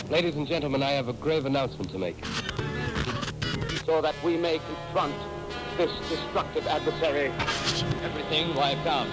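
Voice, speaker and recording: A man reading urgent, grave news bulletins in the sound of an old radio broadcast. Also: fairly high pitch. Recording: distant old broadcast under loud music.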